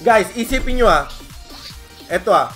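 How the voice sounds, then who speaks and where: High bright-voiced Filipino esports caster. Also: male voice, animated, moderate pace, faint music behind. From Philippines. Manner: bursts into shouting at big plays, mixes Tagalog and English. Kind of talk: excited play-by-play commentary.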